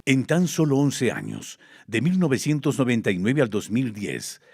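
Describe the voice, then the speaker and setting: A man explaining facts in a husky, expressive voice. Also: mid-range voice, normal speed, faint music behind. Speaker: interviewee. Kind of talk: explanatory commentary.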